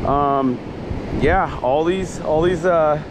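A man vlogging while surf fishing, musing aloud in an unhurried, casual way. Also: fairly high pitch. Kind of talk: casual vlog narration. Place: ocean beach, wading in cold surf. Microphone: action camera held or worn. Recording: loud surf and wind noise.

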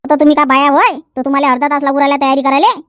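Woman as a nagging village wife, shrill, rapid-fire. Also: fairly even intonation, fairly bright tone, no echo, clean studio sound. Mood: teasing. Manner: teasing, nagging. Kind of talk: village comedy skit.

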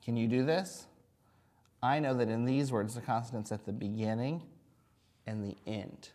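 Standing at an interactive whiteboard indoors, a man in his thirties teaches kindergarten phonics with a medium-pitched, dark-toned voice at a moderate pace. He spells and sounds out each word letter by letter, speaking simply and encouragingly as though to a small child.

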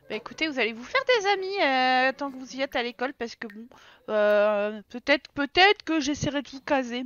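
A woman's voice: high-pitched, a bit bright, dry recording, muffled recording. A woman with a French accent giving casual, chatty commentary on her own Let's Play, teasing and scolding the characters on screen.

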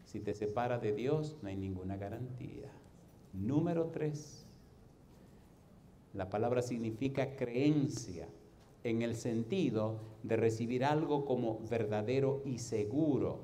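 Warm-voiced preaching pastor, man. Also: medium pitch, a little slow, slight background noise. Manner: animated preaching, swinging from soft to loud. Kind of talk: sermon.

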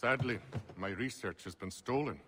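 An actor playing a courteous colonial landowner in a video game, measured and polite. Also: male voice, lowish voice, natural voice. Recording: game audio with reverb and background noise.

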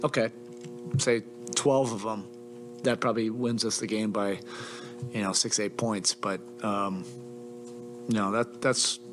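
A middle-aged man, a head coach at a postgame press conference, talking in a measured, halting way with many fillers and restarts into a table mic in a press room. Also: lowish voice, steady tone, over music.

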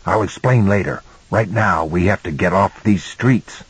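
A man reading the part of a calm, reassuring man in his sixties in an audiobook, speaking in a hushed, urgent, then steady way. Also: low-pitched, unhurried, breathy edge, no room sound, heavily acted, poor audio.

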